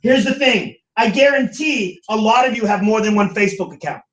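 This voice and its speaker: Brief: high-pitched American man lecturing a class, lively and theatrical, caught from far off in an echoey classroom. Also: brisk. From United States. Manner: animated, acts out quoted voices. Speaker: teacher.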